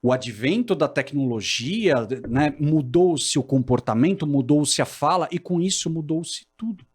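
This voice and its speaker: Husky, fairly high-voiced male host. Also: lively intonation, measured pace. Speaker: podcast host. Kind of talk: casual interview talk.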